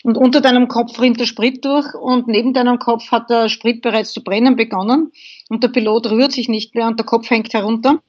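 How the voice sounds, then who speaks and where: A woman's voice: fairly high pitch, fairly quick, muffled recording. A woman, a podcast guest vividly recounting a crash she survived. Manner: vivid, animated storytelling. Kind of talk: interview, telling a survival story.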